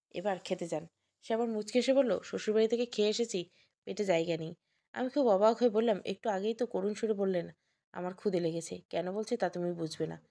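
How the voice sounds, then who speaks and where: A woman tells a romantic audio story in the first person, slipping into the lines of the people in it. Her voice is mellow and rounded, at a middling pitch. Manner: first-person narration with acted dialogue. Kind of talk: dramatic audio story narration.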